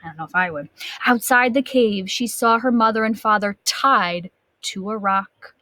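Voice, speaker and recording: Reading to young children, a female teacher with a medium-range voice and no echo gives an expressive performance of a picture book. She gasps dramatically, stretches words for emphasis, and stops to ask her audience questions.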